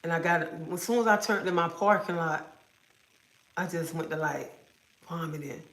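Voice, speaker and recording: Working from home and feeling like she's coming down with a cold, a woman rambles and repeats herself while hosting a casual livestream. Her voice is fairly low, fairly bright, and normal in speed. The room she's in is echoey.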